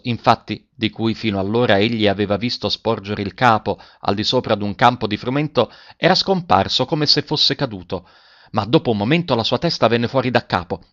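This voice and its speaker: A man narrating a classic story as an audiobook, in a measured and expressive way, in a dull lo-fi recording. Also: medium pitch, no echo.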